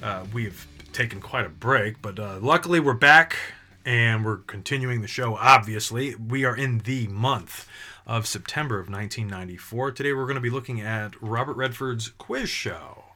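Brief: male podcast co-host, very bright voice, lively and jokey, talks through false starts. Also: mid-range voice, moderate pace. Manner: animated, laughs easily, restarts sentences. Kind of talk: casual movie podcast chat.

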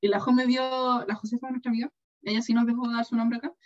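A young woman with a Chilean accent in casual chat, telling a story with animated asides and acted-out quotes. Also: a little high, fast talker. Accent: Chilean Spanish. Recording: dull lo-fi sound.

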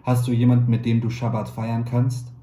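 A man voicing an elderly grandmother who speaks loudly on a long-distance phone call. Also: mid-range voice, completely flat delivery, moderate pace, voice pushed up, lightly acted. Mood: eager. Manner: loud, repeating herself on a bad line. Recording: roomy echo.

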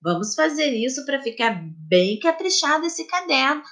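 A woman teacher, giving a lesson to children and dictating words slowly. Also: high voice. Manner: slow, lively, drawn-out dictation of words. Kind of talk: recorded classroom lesson for children.

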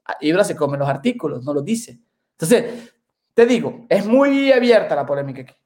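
Excitable man in casual podcast chat. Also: fairly high pitch, moderate pace. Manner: excitable, repeats words while searching for them. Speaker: podcast co-host.

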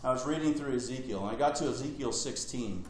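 A man's voice: mid-range voice, quick pace, roomy sound, slight background noise, low-quality recording. A man preaching a sermon, retelling scripture conversationally with humorous asides.

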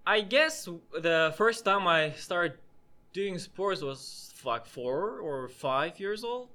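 A man's voice: sits high, lively intonation, takes it slowly, pushed and bright. A young man hosting a casual podcast chat, talking hesitantly with many restarts and fillers. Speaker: podcast host.

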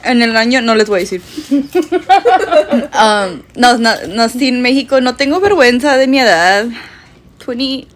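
A young woman from Mexico chats casually as a podcast co-host, often laughing and switching between Spanish and English. Her voice sits a bit high, with faint noise behind her. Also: lively intonation, measured pace, long pauses. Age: 20s. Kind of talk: casual chat.

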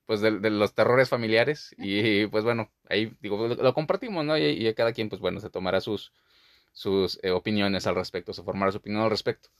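A man's voice: fairly low pitch, smooth, no room sound, clean studio sound. A young man hosting a podcast, talking through a childhood memory in a rambling, casual way with many fillers. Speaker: podcast host.

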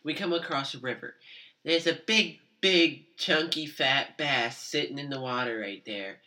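Young male comic storyteller, bright tone, crude and needling. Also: a little high, a little slow. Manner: crude, teasing, mock-accusing. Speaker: comedic storyteller. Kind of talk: improvised comedy bickering.

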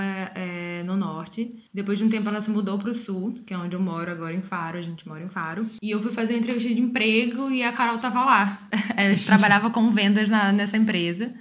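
A Brazilian woman from Sergipe with a matching accent, chatting as a guest about her small business, with many fillers. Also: medium pitch. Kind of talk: casual recorded interview. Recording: roomy and slightly dull.

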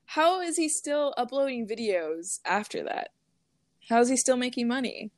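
A woman's voice: fairly high pitch, very animated, normal speed, no room sound. Laughing young woman in casual chat. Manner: rambling, laughs often, many fillers. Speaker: podcast co-host.

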